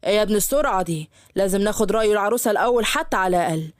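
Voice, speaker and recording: A stern, sarcastic middle-aged Egyptian father, voiced by a woman, pitched far below her own voice. He is gruff and suspicious yet fiercely protective of his only daughter, told in a storybook reading. The sound is dry and close. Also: expressive, rapid-fire, no room sound, lightly acted. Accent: Egyptian Arabic.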